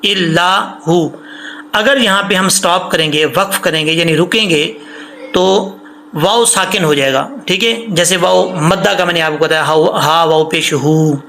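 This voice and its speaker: Bright high-voiced man teaching Quran recitation. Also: unhurried, gravelly, slight background noise. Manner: breaks verses into syllables, stretches sounds to show length. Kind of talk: tajweed lesson, slow recited examples between explanations.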